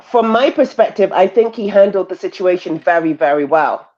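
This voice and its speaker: A woman's voice: lowish voice, lively intonation, normal speed, darkish tone. A woman with an English accent talking in a live open discussion, questioning and bluntly analytical, over a dull online voice chat.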